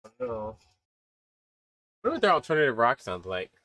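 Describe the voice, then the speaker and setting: A man's voice: medium pitch, sing-song, a little fast, bright, forceful tone, no echo, poor audio. A man hosting a casual gaming stream, drifting between remarks with offhand comments and the odd curse.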